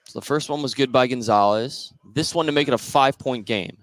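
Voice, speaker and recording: In an indoor basketball gym during a game, an American man does live radio play-by-play commentary as it unfolds. His mid-range voice moves a little fast, and there's no echo.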